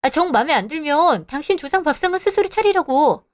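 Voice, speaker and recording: A woman's voice: high voice, expressive, fast talker, voice pushed up. A woman voicing a young married woman who talks back in cold, cutting retorts, in a scripted audio drama. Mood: aggrieved. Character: young married woman, sharp-tongued, defiant. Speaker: daughter-in-law.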